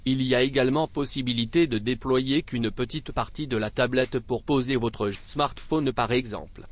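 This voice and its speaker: A man's voice: medium pitch, normal speed. Man narrating a casual travel review. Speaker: train trip reviewer.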